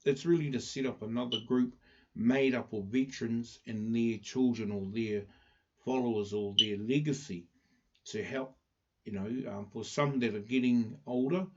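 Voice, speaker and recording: Male livestream host, Māori New Zealand accent, mid-pitched, casual and halting delivery, dull lo-fi audio. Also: fairly even intonation. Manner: halting, with many pauses. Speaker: livestream host presenting a community project. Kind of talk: casual live chat.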